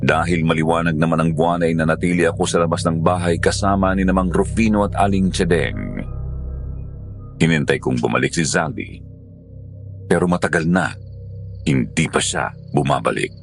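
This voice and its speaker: A man narrating a horror story in the first person, measured and dramatic. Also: deep voice, vocal fry, soft background music.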